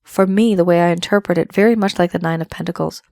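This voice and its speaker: A woman's voice: lowish voice, steady tone, quick pace, creaky, a little mellow, dry recording, studio quality. A woman giving an earnest tarot reading, her voice still worn from the flu, repeating phrases for emphasis. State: voice affected by flu. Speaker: tarot reader.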